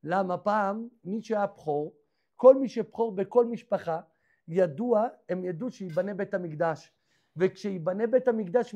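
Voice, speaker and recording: A rabbi with a very high, gravelly voice that still sounds mellow and dark in tone. He preaches through a story, firing rhetorical questions at the listeners and performing each character's lines. The recording is dull and lo-fi. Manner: acts out the characters' dialogue in lively voices. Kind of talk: storytelling sermon.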